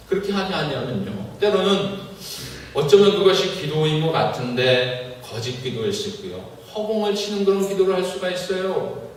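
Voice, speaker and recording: A male pastor preaching a sermon in a church sanctuary, emphatic and repeating his key phrases. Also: high-pitched. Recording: echoey church hall from far off.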